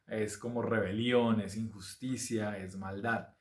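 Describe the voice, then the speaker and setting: A man's voice: lowish voice, steady tone, a little slow, reverberant. A man preaching a sermon, teaching from the Bible, who reads passages aloud with rising emphasis and poses rhetorical questions. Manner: frequent fillers and restarts, asks rhetorical questions.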